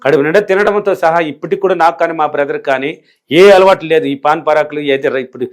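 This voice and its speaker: This fast-talking man has a fairly high pitch. A middle-aged villager from rural India, he answers interview questions as a spiritual teacher, insisting on each point and repeating it until it lands.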